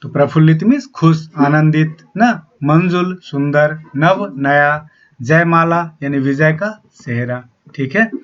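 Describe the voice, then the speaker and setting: A male teacher explaining a poem to young pupils, reading the verses slowly and then explaining them, often adding a questioning "na". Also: fairly high pitch. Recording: dull lo-fi sound.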